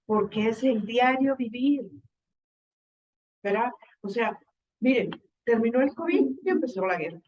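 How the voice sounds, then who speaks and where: A woman with a Guatemalan accent giving a faith talk to a live group, lively and full of rhetorical questions to her listeners. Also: a little high, measured pace, long pauses, highs cut off. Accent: Guatemalan Spanish.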